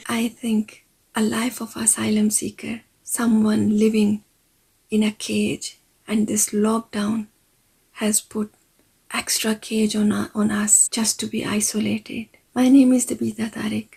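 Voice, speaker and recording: A middle-aged woman from Pakistan speaks a slow, halting personal testimony. Her voice is very husky and gravelly, dark and mellow. Her pitch barely moves. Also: completely flat delivery, poor audio.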